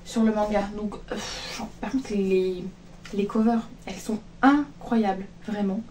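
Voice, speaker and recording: A woman's voice: mid-range voice, steady tone, measured pace, mellow, far from the mic, a little hiss or hum. A woman chatting casually in a vlog, rambling with many fillers and restarts. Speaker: manga vlogger. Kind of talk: casual book haul chat. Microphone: phone.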